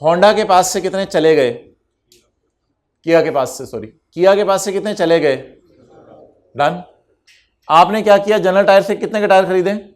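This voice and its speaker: A man's voice: sits high, moderate pace, pauses often. A man lecturing an accountancy class, teasing his students and dropping English terms into his explanation. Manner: code-switches into English terms.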